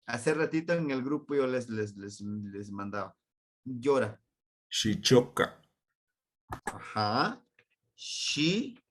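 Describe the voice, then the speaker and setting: A man from Mexico teaching a Nahuatl grammar lesson online, slow and patient, repeating words for his students. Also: medium pitch.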